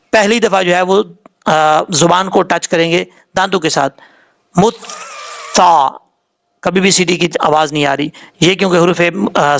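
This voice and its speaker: A man teaching Quran recitation. He spells out syllables slowly, explains quickly in between, and chants verses in a raised, drawn-out tone. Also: high voice, gravelly, a bit bright. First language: Urdu. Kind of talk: Quran tajweed lesson.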